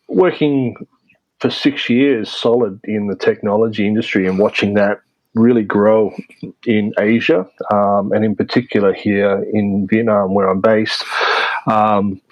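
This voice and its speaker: A man answering interview questions in a measured way, with many fillers and restarts. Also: on the low side, dry recording, dull audio. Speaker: interview guest, media producer. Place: based in Vietnam.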